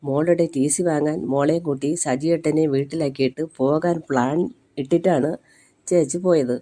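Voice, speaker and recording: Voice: medium pitch, steady tone, moderate pace, mellow, close to an everyday voice. A storyteller voicing a worried young wife in a spoken story, with a pleading manner.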